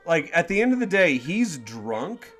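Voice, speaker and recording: A man's voice: fairly high pitch, very animated, unhurried, a bit bright, soft background music. A man narrating as game master of a tabletop game, talking in a loose, rambling way. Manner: rambling, full of fillers and restarts.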